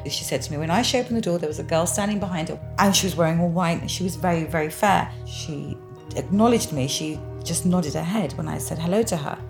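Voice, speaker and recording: Brief: woman, interviewee, earnest first-person testimony, slightly low voice, faint music underneath. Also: fast talker, vocal fry. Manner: earnest, emphatic, repeats words for stress. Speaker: interviewee recounting a haunting.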